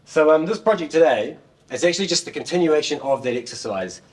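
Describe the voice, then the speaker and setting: A man's voice: fairly high pitch, animated, fairly quick. A middle-aged man with a New Zealand accent gives an informal tech talk in a joking, self-deprecating way, often repeating words. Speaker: software developer giving a talk. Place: indoor meeting room, standing at a laptop beside a screen. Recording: distant room microphone.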